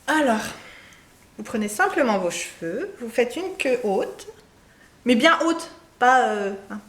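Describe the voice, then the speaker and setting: A woman's voice: on the high side, sing-song, a little slow, reverberant. A woman giving casual beauty tips to her camera, chatty, with many fillers and frequent laughs. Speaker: beauty vlogger.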